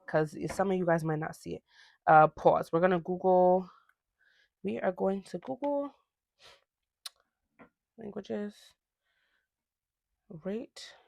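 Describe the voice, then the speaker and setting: This young woman from Ghana hosts a casual solo podcast, ranting animatedly with slangy asides. Her fairly low voice has vocal fry and a darkish tone, captured in a dry, clean studio recording.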